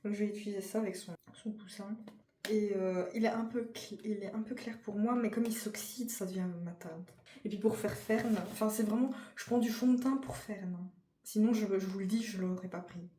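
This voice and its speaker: A woman's voice: medium pitch, steady tone, moderate pace, warm tone. A young French woman with a French accent, chatting casually and informally in a vlog, full of fillers and restarts. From France. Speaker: vlogger. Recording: echoey room with faint noise.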